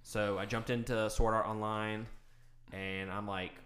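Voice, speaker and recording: A man co-hosting a casual podcast, swearing often and laughing loudly between his stories. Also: on the low side, level tone, unhurried. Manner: profane, laughing, loud outbursts. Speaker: podcast co-host. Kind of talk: casual chat.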